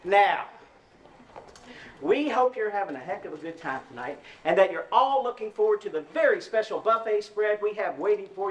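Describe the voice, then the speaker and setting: A man's voice: sits high, fairly bright tone, roomy sound. An actor playing a folksy male lodge emcee welcoming members and announcing the evening's entertainment. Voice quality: folksy, showman-like. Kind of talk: radio drama acting.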